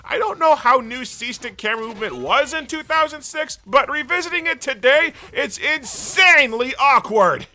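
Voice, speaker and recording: A man's voice: very high-pitched, expressive, moderate pace, hardly any pauses, pushed and bright. A man narrating a scripted video game review, sarcastic and ranting, with frequent swearing. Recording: voice-over with faint music.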